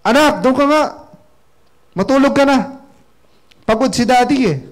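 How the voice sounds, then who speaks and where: A man's voice: a little high, moderate pace, darkish tone, close to an everyday voice. A man voicing a busy, tired father who snaps at his child and later apologizes, told within a seminar story. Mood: irritated. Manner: curt, then apologetic.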